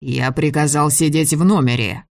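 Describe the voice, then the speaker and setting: A man's voice: a little high, fairly even intonation, normal speed, creaky, no echo. Stern, furious male school director, clipped commands, a male reader near his own voice, dry close read. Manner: curt, commanding, shouting.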